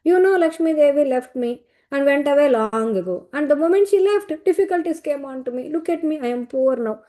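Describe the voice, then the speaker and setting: A woman's voice: high-pitched, a little fast, mellow, close to an everyday voice. A woman voicing Srinivasa, a wounded and poor male god, who pleads for help. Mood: pleading. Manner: plaintive, pleading.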